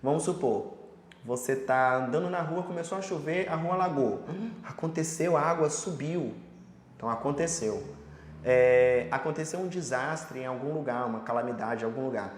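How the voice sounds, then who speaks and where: A man teaching sign language in a casual lesson, explaining patiently with everyday examples and slowly repeating each sign word, with a Brazilian Portuguese accent. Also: medium pitch, slight background noise. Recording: roomy echo with long reverb.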